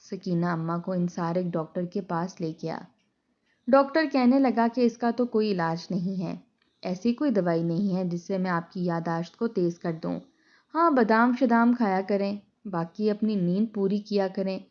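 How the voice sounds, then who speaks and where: A woman narrating an emotional moral story in a steady, dramatic way. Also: mid-range voice, moderate pace. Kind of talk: scripted narration. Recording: dull lo-fi recording.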